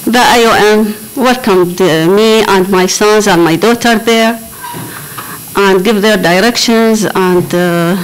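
A refugee woman from Iraq, whose first language is Arabic, gives personal testimony on a panel in a large conference hall, speaking into a table microphone. Her mid-range voice comes slowly and carefully, and she repeats words while searching for the English. The audio quality is poor.

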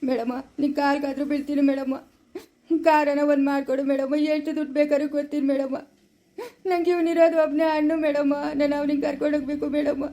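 A woman's voice: high voice, flat delivery, very fast, dark tone, lightly acted. A woman voicing a distraught village father who begs for help for his son, with a rural Chikkaballapura Kannada accent. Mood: begging. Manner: pleading, tearful, begging.

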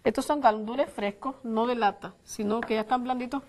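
A woman's voice: fairly high pitch, fairly even intonation, fairly quick, a little hiss or hum. An older Puerto Rican woman with a Puerto Rican accent, guest cook on a TV show, talking homely with lots of diminutives. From Puerto Rico. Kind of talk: cooking demonstration. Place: studio kitchen set. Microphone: lapel mic.

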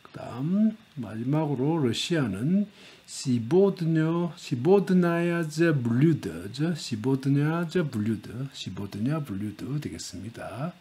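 Slow, husky male language teacher. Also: medium pitch, expressive, mellow. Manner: slow, repeats words with fillers. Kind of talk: grammar lesson.

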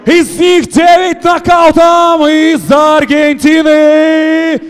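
A young man announcing boxers as a ring announcer, theatrically, with drawn-out, shouted names into a handheld microphone in a big hall. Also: extremely high pitch, little pitch movement, faint music behind. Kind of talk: boxing ring announcer introductions. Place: large indoor boxing arena. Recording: echoey hall PA with background noise.

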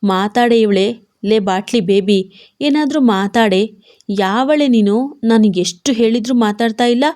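A gruff, teasing young husband who scolds his wife in mocking banter, as a woman storyteller puts him on. The voice is warm and mellow, read out like a storybook. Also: a little high, a little slow, natural voice. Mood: scolding.

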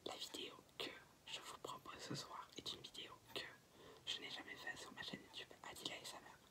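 A young man hosts in a whispered ASMR style. His delivery is slow and deliberate, almost entirely unvoiced, with careful, repetitive announcements. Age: teens to young adult. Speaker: ASMR channel host. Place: small bedroom, indoors. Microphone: built-in device mic at arm's length, no external microphone.

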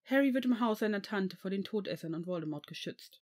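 A reader voicing an old male headmaster in a fan fiction audiobook, measured and calm, turning stern. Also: mid-range voice, natural voice.

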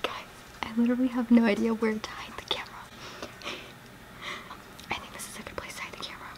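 A young woman whispers into a handheld camera at home, hushed and breathy. Her voice sits a bit high, and she fills her talk with "like" and "um". She sounds casual and chatty, as a vlogger talking to her viewers. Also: flat delivery, quick pace, poor audio. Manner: whispering, filler-heavy with "like". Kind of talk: whispered prank vlog. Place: indoors at home.

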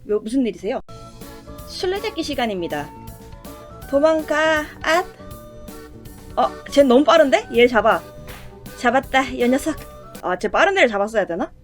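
High-voiced woman playing a game. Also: big pitch swings, normal speed, long pauses, soft background music. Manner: chatty, playful exclamations and self-talk. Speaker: game streamer. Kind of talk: casual let's-play commentary.

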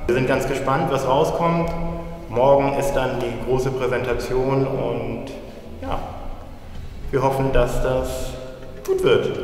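A man speaking slowly and hesitantly as he welcomes people to a school event. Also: medium pitch, fairly even intonation, a little mellow, heavy reverb, in a large hall. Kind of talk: welcome address.

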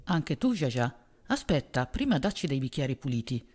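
A man reading aloud, voicing a gruff middle-aged police inspector who speaks curtly and impatiently. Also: medium pitch, very animated, moderate pace, darkish tone. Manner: curt and impatient.

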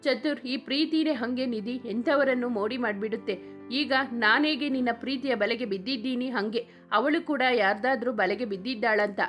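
A woman's voice: a little high, a little fast, fairly bright tone, soft background music, natural voice. A woman reading the lines of a teasing, charming young man in love in a story. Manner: teasing, joking.

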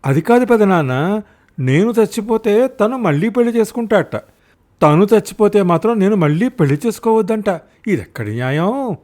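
A man voicing a jealous, hot-tempered village husband who yells at his wife. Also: sits high, expressive, pitched above the performer's own voice. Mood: aggrieved. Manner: shouting and quick-tempered.

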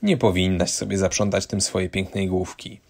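A man voicing a dismissive, condescending husband who gambles, in a low, gravelly, husky voice. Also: fairly even intonation, moderate pace, a little mellow. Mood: patronizing. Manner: condescending, defensive. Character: smug middle-aged husband, dismissive gambler.

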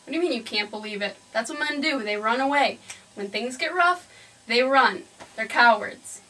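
A woman's voice: mid-range voice, expressive, rapid-fire, bright, forceful tone, slight background noise. A woman playing a fiery, defiant contestant who makes dramatic declarations in a comedy skit. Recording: distant mic, faint music.

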